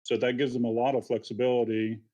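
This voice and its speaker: A man's voice: medium pitch, level tone, fast talker, warm tone. A man, explaining methodically step by step in a casual interview. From Alabama, US.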